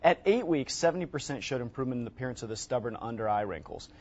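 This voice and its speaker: A man's voice: mid-range voice, animated, racing, darkish tone, slight background noise. A man in his thirties explaining a product emphatically as an expert guest on a home shopping show, repeating words for stress. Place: TV studio set, indoors. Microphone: lapel mic. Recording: slightly dull lo-fi broadcast audio.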